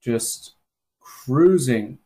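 A man's voice: medium pitch, animated, extremely slow, dark tone. A man giving live chess commentary in conversational, clipped phrases.

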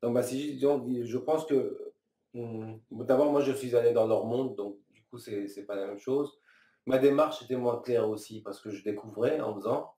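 A man in his thirties from Iran talks through his ideas in an interview, pausing and restarting often, stacking fillers as he searches for words. His voice is warm and mellow, heard a little off-mic in a roomy space. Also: mid-range voice. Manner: thoughtful, halting, many restarts and fillers, gestures with both hands. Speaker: filmmaker being interviewed. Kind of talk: reflective interview answers. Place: small room, seated at a table. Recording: roomy, slightly distant sound.

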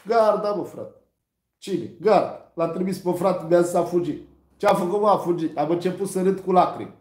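Vlogger, man, slightly high voice, rough slangy storytelling with swearing, echoey room. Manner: rough slangy talk with frequent swearing, animated quoting of others. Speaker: vlogger telling stories on a live stream. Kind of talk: casual storytelling.

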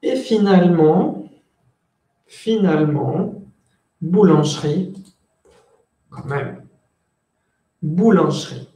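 A man's voice: fairly high pitch, animated, drawn-out words, long pauses, warm tone, reverberant. A man teaching French in an online class, explaining patiently and switching between Spanish and French.

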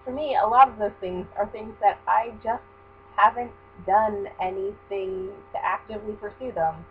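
A woman's voice: medium pitch, fairly even intonation, normal speed. Chatty young woman on a lo-fi webcam. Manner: chatty, rambling with fillers. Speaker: vlogger. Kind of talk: casual vlog chat. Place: small bedroom with bookshelves. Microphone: built-in webcam mic. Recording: dull lo-fi webcam audio with faint hum.

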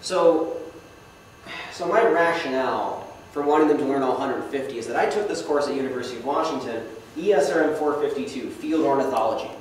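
A man's voice: mid-range voice, a little fast. A young man giving a casual slideshow talk to a club, self-deprecating and asking the audience questions. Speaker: guest speaker. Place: meeting hall. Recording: echoey hall, speaker far from the mic, faint noise.

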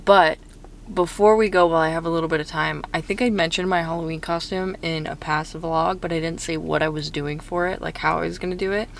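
A woman's voice: low-pitched, fairly even intonation, brisk, gravelly, a little hiss or hum. A young woman vlogger chatting casually to her viewers, with lots of filler words. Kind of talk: casual vlog chat and voice-over. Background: background music.

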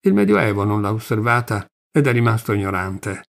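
A man reading the part of an ironic, calm man in a debate, with a gravelly voice. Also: on the low side, moderate pace. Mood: calm wry. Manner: calm, wry. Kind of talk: audiobook reading.

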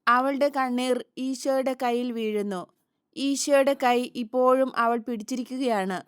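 A woman narrates an audiobook at a slow, measured pace. Her voice is smooth and clear with a slightly high pitch. The recording is close and dry. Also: dry recording.

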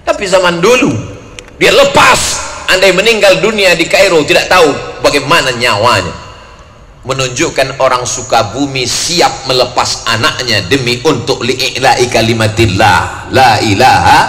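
A forceful, bright-voiced man from Riau, Sumatra, preaches to a crowd. He jokes, acts out quoted voices and breaks into sudden shouts. His voice rings through a large hall with a long reverb and a faint hiss behind it. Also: medium pitch, moderate pace. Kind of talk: lively sermon to a crowd.

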